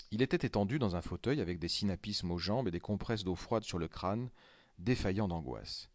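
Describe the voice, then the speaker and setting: A man narrating a classic story aloud in a measured, deadpan reading. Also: sits low, dry recording, studio quality.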